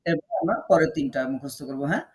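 A man teaching an online recitation class, correcting students and drawing out phrases slowly for them to repeat. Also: mid-range voice. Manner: corrective, drills slow drawn-out phrases for repetition. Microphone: online class audio.

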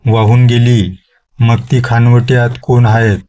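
A man's voice: mid-range voice, level tone, unhurried, mellow, lightly acted. A man voicing a bossy old village grandmother who calls out orders, inside a horror storybook reading. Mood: scolding.

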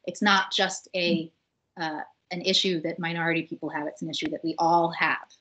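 A woman from the United States speaks casually on a video call, full of fillers and tag questions. Her voice sits on the low side. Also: fairly even intonation, normal speed, fairly bright tone. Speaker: panelist. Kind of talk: webinar panel discussion. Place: home room on a video call.

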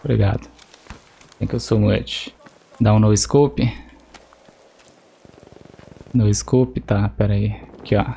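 A man's voice: fairly low pitch, steady tone, takes it slowly, vocal fry, long pauses, warm tone. A young Brazilian man with a Brazilian Portuguese accent, joking and swearing casually as he streams gameplay and talks to teammates. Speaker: gaming streamer. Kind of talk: casual live gameplay commentary. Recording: faint game noise behind.

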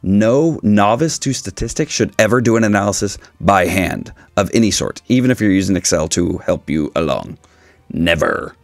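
A man in his forties with a raspy voice, giving a casual, opinionated explainer with dry humour. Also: low voice, sing-song, normal speed, no room sound. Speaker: video host, statistics teacher. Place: small dim indoor room, seated.

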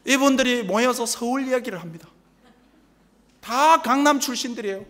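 A man from Busan with a Gyeongsang accent, preaching a sermon as pastor, telling humorous stories with animated mimicry. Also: very high voice, normal speed. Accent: Gyeongsang Korean. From Busan, South Korea. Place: large church sanctuary. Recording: long church reverb.

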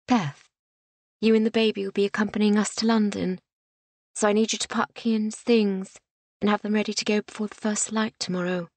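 A woman's voice: mid-range voice, level tone, normal speed, darkish tone, no room sound, natural voice. A woman voicing a protective young noblewoman in an audiobook, giving firm, urgent instructions.

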